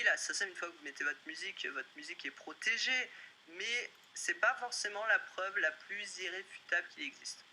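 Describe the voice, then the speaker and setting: Bright-voiced woman giving a webinar. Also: mid-range voice, a little hiss or hum, rough recording. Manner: direct, conversational, addresses listeners as vous. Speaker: music business coach. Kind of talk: webinar presentation.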